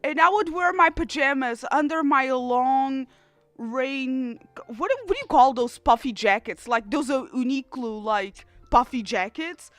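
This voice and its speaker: Woman streamer from Portugal in her twenties, high and bright, animated and swearing, dry headset sound, faint music behind. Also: unhurried, dry recording. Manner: animated, laughing, swearing freely. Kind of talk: casual chat. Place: cold room at home.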